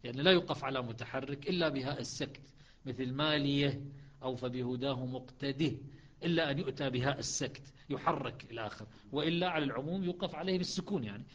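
A man teaching a Quran recitation class, chanting verses slowly between quick spoken explanations. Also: mid-range voice. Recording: dull lo-fi audio.

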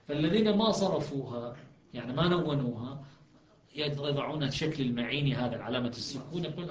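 Lecturing man, echoey and muffled. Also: fairly high pitch. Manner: explanatory, asks students if it is clear. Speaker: teacher of Quran recitation and grammar. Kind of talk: classroom lecture. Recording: echoey, muffled classroom recording.

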